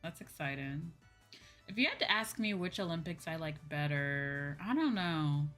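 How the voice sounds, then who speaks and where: Background music runs under a woman's low-pitched, expressive voice, fairly bright in tone and at normal speed. She is a livestream host and virtual streamer, chatting casually with viewers, thinking aloud, and looping back over what she's said.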